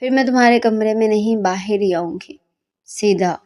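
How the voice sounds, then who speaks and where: A woman voicing a bossy, quick-tempered young female student who scolds impatiently. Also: mid-range voice, darkish tone, lightly acted.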